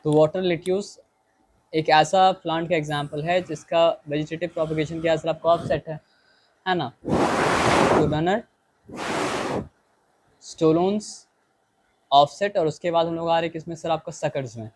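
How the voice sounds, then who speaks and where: A man teaching a biology lesson in Hindi mixed with English, often asking rhetorical questions and reading English lines slowly. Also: fairly high pitch, fairly even intonation, background noise.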